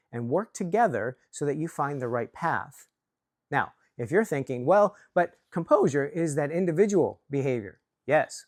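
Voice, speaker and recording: A man's voice: on the high side, dry recording, studio quality. A man from Chicago giving an earnest, self-reflective talk to camera about workplace leadership, often restarting his words. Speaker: leadership coach.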